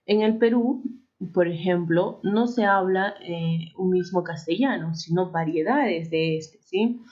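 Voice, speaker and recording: A woman teacher with a Peruvian accent from Arequipa talks her class through a lesson, tagging nearly every phrase with a quick question to the students. Her voice sits somewhat low, and she often stops to correct herself. The recording sounds dull and lo-fi. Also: a little mellow. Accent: Peruvian Spanish, Arequipa. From Peru. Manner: frequent tag questions and self-corrections.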